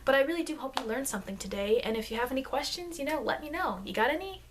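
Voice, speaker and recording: In an improvised ASMR roleplay, a woman plays a friendly, rambling vampire lecturer, speaking in halting, chatty asides that aim to reassure her human listener. Her delivery is expressive and her mood friendly and reassuring. The recording comes from a noisy, low-grade microphone.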